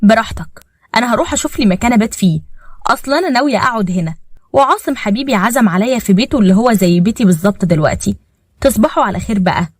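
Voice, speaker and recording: A woman's voice: medium pitch, expressive, racing, no echo, studio quality, natural voice. Name: Aseef. Pushy jealous fiancée voiced by a woman. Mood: sly. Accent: Egyptian. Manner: needling, demanding. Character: possessive young fiancée, pushy and scheming.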